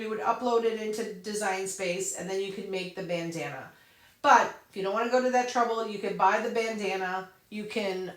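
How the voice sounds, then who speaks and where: This clip features a woman with a medium-pitched, fairly bright voice who speaks English as her first language. She hosts a laid-back live craft Q&A, responding to viewers and talking through what she demonstrates on her computer, laughing often. The room echoes, and she's a bit distant from the microphone.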